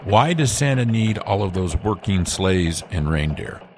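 An upbeat Christmas elf radio anchor played by a man with a deep voice that swings widely in pitch. He delivers scripted holiday news in a formal announcer manner, over clear background noise. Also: expressive, unhurried, a little mellow. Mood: bright, announcing.

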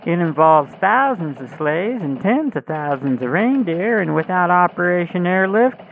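Over a thin, phone-like radio link with engines humming behind, a Christmas elf sky reporter voiced by an actor delivers a scripted holiday field report at a moderate pace. The mid-pitched delivery is emphatic, earnest, eager and excitable.

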